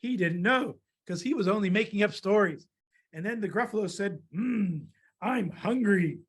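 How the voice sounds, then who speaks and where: A woman reading a children's story aloud and drawing along, lively and laughing, jumping into small character voices. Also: medium pitch, brisk. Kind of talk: storytime read-aloud for kids.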